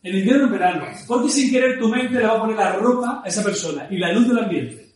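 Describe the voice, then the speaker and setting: High voiced guy from teaching public speaking, lively and playful, loud then soft, super echoey room, mic far off, bit of noise. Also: fast. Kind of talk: live talk on storytelling.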